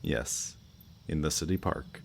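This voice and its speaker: A gravelly, very deep full character voice brings to life a smug villain, a powered kidnapper who is falsely romantic and flirtatious, in an intimate audio drama monologue addressed to the listener. The delivery is wistful, coaxing, unhurried, teasing and quietly threatening. Crickets and night birdsong play outdoors behind a slight hiss or hum.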